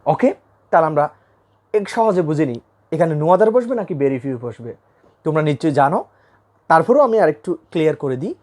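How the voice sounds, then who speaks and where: A man's voice: on the high side, very animated, moderate pace, pauses often, darkish tone. A man from Bangladesh teaching English grammar at a board, repeating key points and quizzing his students. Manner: repeats key points, asks the class questions. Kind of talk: classroom grammar lesson. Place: classroom with a board.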